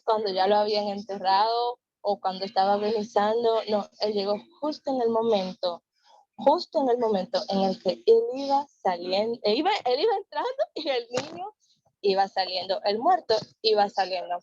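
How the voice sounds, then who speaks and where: A woman's voice: on the high side, darkish tone, lo-fi sound, slight background noise. A woman leading a Bible study, talking earnestly and repeating phrases for emphasis.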